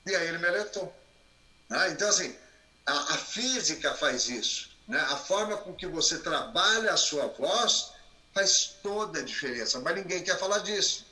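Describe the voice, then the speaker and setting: Bright, lively man lecturing. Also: a little high, moderate pace, echoey room, rough recording. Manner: expressive, plays with rising and falling voice. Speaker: guest speaker. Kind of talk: animated lecture on a live stream.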